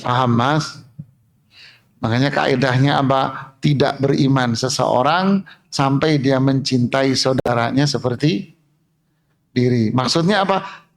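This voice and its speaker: A man giving a casual sermon, firing rhetorical questions at the audience and swinging between low asides and sharp exclamations. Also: a little slow, creaky, long pauses. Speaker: Islamic preacher. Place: mosque.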